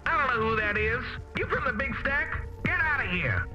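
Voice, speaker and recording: An actor voicing a suspicious, rustic moisture farmer in a video game, blunt and folksy through a muffled mask filter. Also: male voice, very high-pitched, big pitch swings, moderate pace. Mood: suspicious, hostile. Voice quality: muffled, masked sound. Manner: folksy, blunt rural phrasing. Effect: mask or radio filter. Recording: muffled narrow-band filter, faint music behind.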